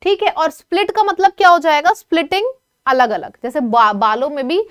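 A woman teaching an online vocabulary lesson in a lively, coaxing way, often asking her students questions. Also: high-pitched, brisk.

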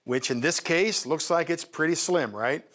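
A man hosting a faith and finance show, teaching from the Bible in an animated way. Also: on the high side, normal speed. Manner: animated, acts out Bible voices. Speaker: host and teacher.

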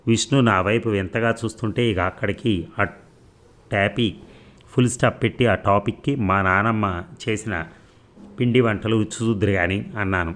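A man narrates a serialized novel for an audiobook. His voice sits a little low, and he reads at an even storytelling pace, now and then restarting a word. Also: normal speed.

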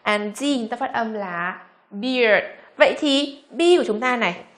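A fairly high-voiced young woman with a Vietnamese accent leads a pronunciation lesson. She stretches out each example word slowly and keeps checking with her students. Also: a bit bright. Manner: slow, drawn-out modeling of words, quizzing students. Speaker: English pronunciation teacher.

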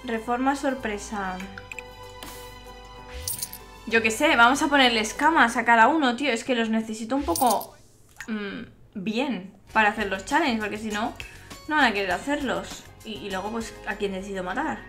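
A young woman with a Spain Spanish accent chats her way through a live game stream, exasperated and quick to swear. Her voice sits a little high for a woman, and game music plays clearly behind her. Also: fairly bright tone. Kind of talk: live gameplay commentary.

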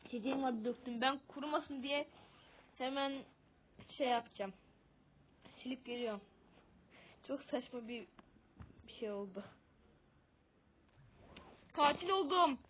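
A woman with a high voice talks through her game in casual commentary. She is excitable and quick to mock her own losses. The audio is narrow and tinny, like a phone line. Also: a little hiss or hum. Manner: excitable, self-mocking about losing. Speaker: gamer.

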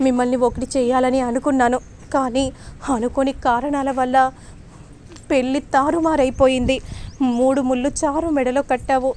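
A woman's voice: sits high, flat delivery, normal speed, darkish tone, a little hiss or hum, natural voice. A woman voicing a regretful older aunt who apologizes and lays down a hard rule.

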